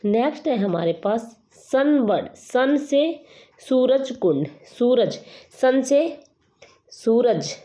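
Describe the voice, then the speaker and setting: A woman's voice: on the high side, expressive, slow, mellow. A woman teacher, running an exam-prep lesson and acting out playful memory-trick lines. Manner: playful, acts out mnemonic dialogue lines. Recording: dull lo-fi recording.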